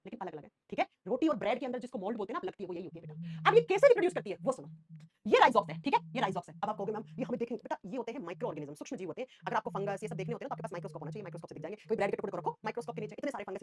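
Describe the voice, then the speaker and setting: A young woman teaching a science class online, animated, repeating key terms and fondly calling students "beta". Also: medium pitch, racing.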